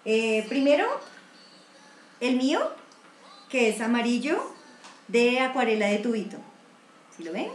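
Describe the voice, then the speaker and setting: A woman's voice: on the high side, animated, measured pace, long pauses, reverberant, a little hiss or hum. A woman with a Colombian accent teaching a live online watercolor class, chatty and encouraging, full of diminutives. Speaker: painting teacher. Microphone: computer mic on a video stream.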